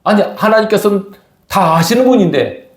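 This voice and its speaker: A middle-aged man's high, expressive voice fills an echoey church hall at a moderate pace. Preaching as pastor in the sanctuary, he poses questions to the congregation throughout his sermon.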